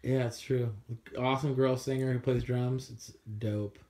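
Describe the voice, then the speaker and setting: A man running the festival, chatting casually and gently correcting pronunciations in an encouraging way. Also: medium pitch, steady tone, measured pace. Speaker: festival organizer. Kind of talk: casual chat.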